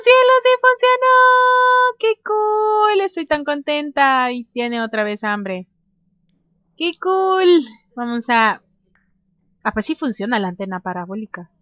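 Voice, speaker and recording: Woman, let's-play host; chatty, reads menu options aloud, prone to excited squeals; high voice, dry lo-fi mic. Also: dry recording. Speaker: gameplay commentator. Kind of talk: casual let's-play commentary.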